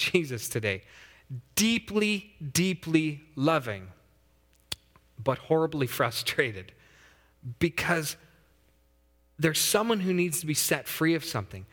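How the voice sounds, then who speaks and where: A man's voice: sing-song, normal speed, long pauses, fairly bright tone. Preaching man in a reverberant hall. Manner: conversational preaching with dramatic pitch swings. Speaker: pastor. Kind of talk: sermon.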